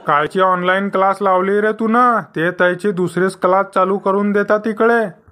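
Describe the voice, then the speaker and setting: An actor voicing a grumbling middle-aged village farmer in a cartoon comedy, speaking in rustic, scolding banter. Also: male voice, high-pitched, fairly even intonation, moderate pace, pushed and bright.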